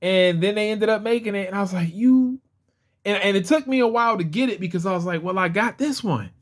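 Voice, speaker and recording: A man's voice: high voice, fast, a bit bright. A man vlogging a casual toy figure review, chatty and rambling, often restarting his sentences. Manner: chatty, rambling, self-correcting.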